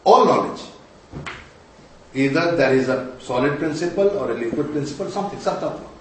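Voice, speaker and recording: A man's voice: mid-range voice, animated, fast talker. Echoey, distant North Indian man teaching. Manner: didactic, repeats phrases, asks rhetorical questions. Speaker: Vedic astrology and mantra teacher. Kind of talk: spiritual lesson with chanted syllables. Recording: very echoey room, distant mic, faint noise.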